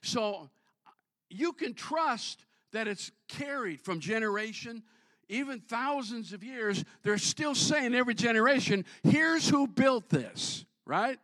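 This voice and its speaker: A man preaching a sermon to his congregation, joking with them and building up to shouts. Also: extremely high pitch, lively intonation, measured pace, no room sound, studio quality. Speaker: pastor.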